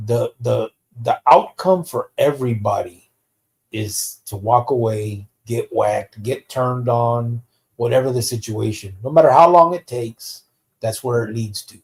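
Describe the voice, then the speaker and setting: A podcast host from the United States, this man keeps a live stream loose and casual, reading out comments with blunt, profane talk. His voice is mid-range and somewhat dark, and he slips Spanish slang into his English.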